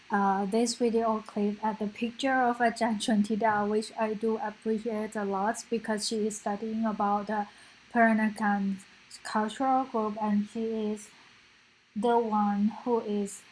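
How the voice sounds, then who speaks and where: A woman's voice: mid-range voice, poor audio. A woman lecturer giving informal commentary as she hosts student presentations. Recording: faint background noise.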